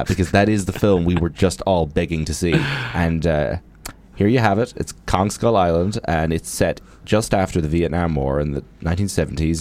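A man's voice: sits low, a little mellow. A man co-hosting a radio show, giving a wry, opinionated, conversational film review. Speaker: radio co-host and film critic.

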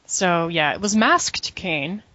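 A woman's voice: lowish voice, expressive, slow, sharp tone, dry recording. A woman talks through a recap in a casual chat, dry and sarcastic in her asides. The sound is close and dead, with a slightly dull, lo-fi quality. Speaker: podcast co-host recapping wrestling.

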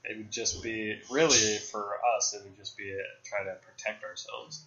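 Young male podcast host, bright and forceful, casual rambling film talk, roomy dull lo-fi audio. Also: lowish voice, level tone, moderate pace. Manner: rambling, speculative, frequent fillers and restarts.

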